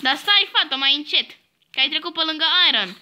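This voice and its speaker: A woman's voice: high-pitched, expressive, noisy background. A young woman hosting a casual Minecraft let's-play, bossy and teasing toward her friend. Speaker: host.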